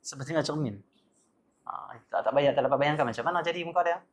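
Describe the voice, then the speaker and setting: A man's voice: a little high, fast. A man giving a religious lecture, telling stories animatedly and breaking in with devotional exclamations. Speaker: religious teacher.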